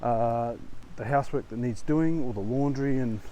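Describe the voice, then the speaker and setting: An Australian man vlogging casually in a halting, unhurried way while walking outdoors in strong wind, with wind on his lavalier mic. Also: mid-range voice, mellow, highs cut off. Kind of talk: casual rambling vlog talk. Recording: wind on mic, gusty noise. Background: blustery wind.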